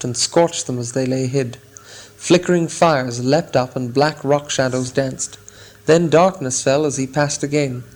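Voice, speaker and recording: Male narrator, audiobook storytelling, measured and expressive, mid-pitched voice. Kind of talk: scripted narration.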